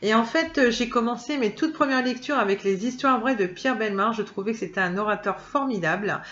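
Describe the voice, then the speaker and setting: Woman card reader, rambling and warm-toned chat, faintly muffled recording. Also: on the high side, brisk. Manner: chatty, many fillers and restarts. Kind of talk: casual spoken guidance video.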